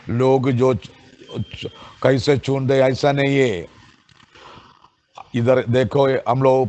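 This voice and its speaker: A male preacher delivers a sermon at an unhurried, measured pace in a flat, even tone. He stumbles and restarts phrases with filler sounds, and he reads scripture passages slowly and deliberately. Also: medium pitch.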